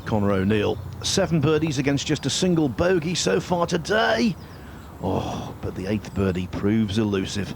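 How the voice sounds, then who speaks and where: A man giving golf commentary in formal, measured broadcast phrasing. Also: medium pitch, sing-song, gravelly, slight background noise. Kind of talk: scripted-sounding golf commentary.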